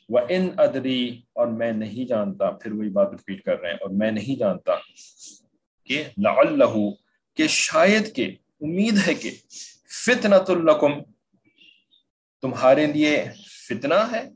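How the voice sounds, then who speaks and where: Man explaining Quranic verses, checking in often. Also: medium pitch. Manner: repeats "theek hai" to check understanding, mixes in English words. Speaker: Quran teacher.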